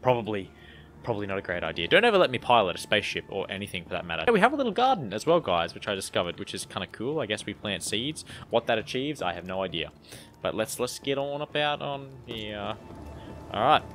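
A young man casually commenting on his own game playthrough, chatty and quick to laugh. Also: lowish voice, sing-song, fairly bright tone, a little hiss or hum. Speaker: gaming channel host. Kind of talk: casual let's-play commentary. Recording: game music underneath.

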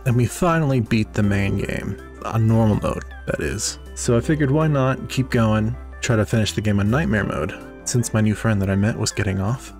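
A man hosting a gaming video, talking casually in an informal, joking way. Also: mid-range voice. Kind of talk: casual gaming commentary and chat.

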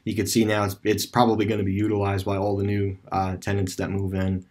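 Speaking fast and in a monotone, this man has a lowish, darkish voice. He's a video creator touring a closed store on street view, and his voice-over for the screen-recorded map tour is rambling and casual, packed with fillers and restarts.

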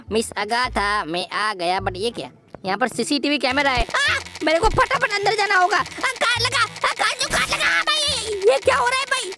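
A woman voicing an excitable, boastful boy cartoon hero while commenting on a game, teasing and shouting at the villain. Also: very high-pitched, moderate pace, over loud music. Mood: excited. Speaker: gameplay commentator. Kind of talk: playful gameplay commentary in character.

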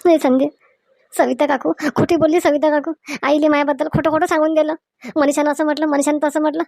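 A woman's voice: high-pitched, flat delivery, fast, vocal fry, a little mellow, dry recording, clean studio sound. A woman playing a pleading young daughter-in-law. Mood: pleading tearful. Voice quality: pleading, repeats words of address. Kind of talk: comic skit acting.

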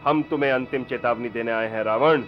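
An actor playing an unseen male king of the gods, a disembodied voice from nowhere, declaiming slowly and grandly with booming laughter. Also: over music. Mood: mocking. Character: unseen male god-king of heaven, mocking and stern. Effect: disembodied voice from nowhere, speaker unseen. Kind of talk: mythological TV drama acting. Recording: dull lo-fi TV soundtrack.

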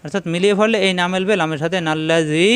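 A man teaching Quran tajweed, quickly spelling out letters and marks, then reciting verses slowly and melodiously. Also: a little high, clean tone, no echo.

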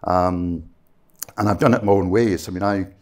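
A middle-aged Scottish man from the Western Isles, a native Gaelic speaker, talks earnestly in a panel discussion, using lots of fillers as he speaks into a handheld mic in a conference room. His voice sits low and a little mellow, with fairly even intonation and a normal speed.

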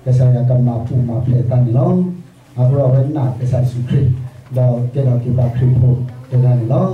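A man preaches to his congregation in a loose, conversational way. His voice sits a bit high for a man yet sounds dark and soft-edged. The recording is echoey, as if captured in a church sanctuary from well back. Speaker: pastor. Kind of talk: sermon. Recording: echoey church hall, mic far off.

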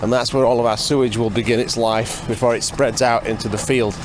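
A man's voice: mid-range voice, steady tone, brisk, slight background noise. A man in his forties talks straight into a camera held at arm's length, outdoors on a rural building site. His commentary is chatty and a little nervous as he waits to see how the work turns out. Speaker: vlog host. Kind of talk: casual on-site vlogging. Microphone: handheld action camera at arm's length.

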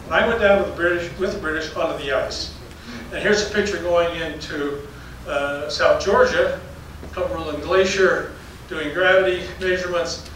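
A bit bright and fairly high in pitch, the older professor's voice moves at a moderate pace with few pauses as he tells stories in a public geology slide lecture. He's folksy and anecdotal, chuckling between stories. A distant mic in a very echoey, darkened lecture hall with an audience picks him up, along with faint noise.

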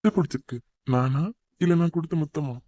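A man voicing a gruff, quick-tempered young husband in a cartoon. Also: on the high side, dark tone, no echo, natural voice. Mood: coaxing. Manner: curt, scolding. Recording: dull, muffled dry recording.

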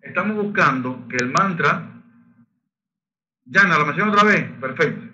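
A man teaches a Reiki group in a bright, fairly high voice. He explains techniques and leads slow, sung chanting of Japanese phrases. The recording sounds dull and lo-fi. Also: lively intonation. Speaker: Reiki facilitator. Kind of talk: spiritual workshop teaching.

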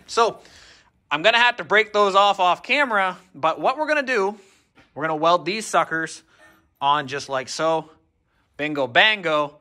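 In a big indoor workshop garage, a young builder shows off his project on a handheld or body-worn action camera. His bright voice sits high, and he's relaxed and self-deprecating as he addresses viewers directly in this casual how-to vlog.

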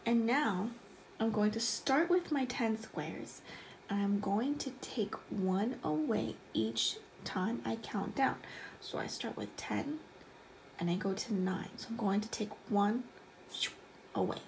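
A young woman with a fairly high voice talks like a kids show host, teaching small children. She goes slowly and simply, asking encouraging questions as she leads them along. There is noticeable room noise behind her. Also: expressive, darkish tone, low-quality recording. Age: 20s. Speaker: elementary math teacher. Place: small room at home, indoors. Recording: clear background noise, room ambience.

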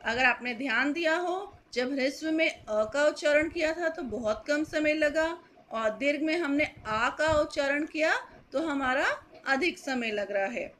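Female teacher, slow careful explanation, faint background noise. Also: high voice, a bit bright. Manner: slow, careful, repeats key points. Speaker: Hindi grammar teacher. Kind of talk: classroom lesson.

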